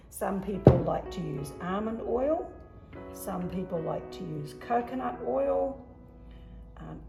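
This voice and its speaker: A woman's voice: mid-range voice, gravelly. A woman with a New Zealand accent leading an informal hands-on demonstration, encouraging and conversational. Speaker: workshop teacher. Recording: echoey room, loud music over voice.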